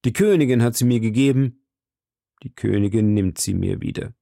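A man's voice: fairly low pitch, moderate pace, creaky, warm tone, no echo, studio quality. A man reading an audiobook, voicing a proud, agitated English duke who gives orders imperiously. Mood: commanding. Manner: commanding, imperious.

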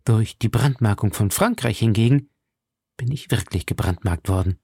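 Guy reading a wronged noblewoman in a storybook, proud, dramatic, gravelly, close dry sound. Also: lowish voice, expressive, moderate pace, a little mellow, no echo. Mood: bitter.

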